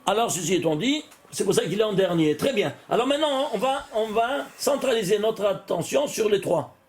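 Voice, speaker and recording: Older male rabbi, lecturing style, high and very lively pitch, asks and answers his own questions. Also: brisk. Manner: animated, asks the class questions and answers them himself; repeats words and restarts phrases. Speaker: rabbi teaching Torah. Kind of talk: Torah lesson with gematria.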